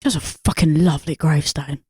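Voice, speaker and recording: A woman's voice: sits low, fairly even intonation, fast talker, mellow, slightly rough, no echo, studio quality. A woman, co-hosting a podcast and rambling about a film with lots of swearing, fillers and laughter. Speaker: podcast co-host. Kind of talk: casual film review chat.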